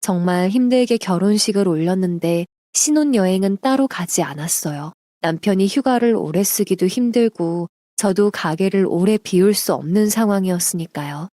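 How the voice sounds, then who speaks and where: A woman narrating a submitted life story in an even, confiding storytelling manner. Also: mid-range voice, moderate pace, hardly any pauses, no echo, studio quality.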